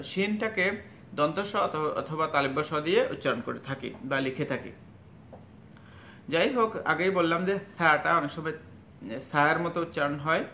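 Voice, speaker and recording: A man giving a spoken lesson on letter sounds, halting and full of fillers, sounding each letter out slowly and loudly. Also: creaky. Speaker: Arabic teacher. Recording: echoey room with faint rumble.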